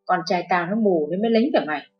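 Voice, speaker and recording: In a narrated audio story, a woman voices a furious, abusive middle-aged mother-in-law who screeches and wails. Her natural, mid-range voice moves briskly with lively intonation, over a dull lo-fi recording with faint music.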